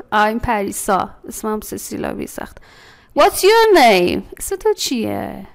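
A woman teacher leads a language lesson in a fairly high, gravelly voice. She explains with animated energy and drops into slow, careful repetition when modelling phrases. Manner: animated, slows to model English phrases, repeats them. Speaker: English teacher.

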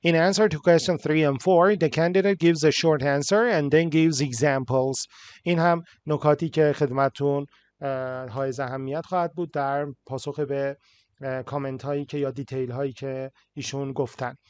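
A man's voice: fairly high pitch, fairly even intonation, a little mellow, no echo. Man teaching English. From Iran. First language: Persian. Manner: switches between Persian explanation and slow English reading. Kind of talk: language lesson explaining in Persian and English.

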